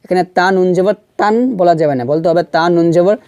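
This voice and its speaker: A man teaching Quran reading step by step. He repeats syllables slowly to show how they are pronounced, and he asks questions and answers them himself. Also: high voice, steady tone, dark tone, smooth, no room sound. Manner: patient, repeats sounds and syllables slowly to demonstrate pronunciation. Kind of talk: step-by-step recitation lesson.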